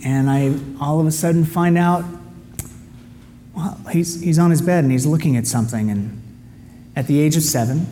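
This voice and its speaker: A man's voice: medium pitch, warm tone. A man giving a candid, confessional personal testimony and prayer as a guest speaker at a men's gathering. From United States. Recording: long hall reverb, faint background noise.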